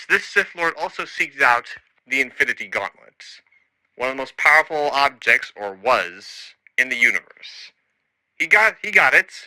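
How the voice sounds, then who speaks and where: This storyteller is a man whose mid-range voice has a sharp edge, captured in a dry, low-quality recording. He rambles through an improvised audio log, hesitating, trailing off and losing his thread.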